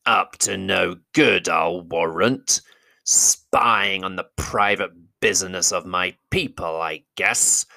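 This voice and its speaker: A man voicing a huge, cruel male goblin king in an audiobook reading, speaking slowly and menacingly, with hissed asides. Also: low-pitched, gravelly, pushed and bright, dry recording, full character voice. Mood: sneering. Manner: slow, menacing, drawn-out delivery with hissed asides. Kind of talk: audiobook character voice.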